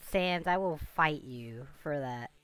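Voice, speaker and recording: Voice-changed deep woman streamer. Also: takes it slowly, fairly bright tone, clean tone, soft background music. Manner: playful, greets chat by name. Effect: voice changer, deep pitch shift. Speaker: game streamer. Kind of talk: casual live-stream chat. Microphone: headset.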